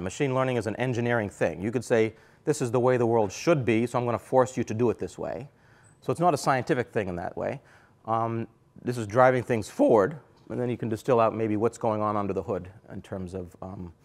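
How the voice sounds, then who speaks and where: A man's voice: medium pitch, fairly quick. A middle-aged man giving a keynote lecture in a lecture hall, talking in a loose, conversational way with frequent fillers. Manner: conversational, thinks aloud with fillers. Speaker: keynote speaker. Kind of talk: academic lecture.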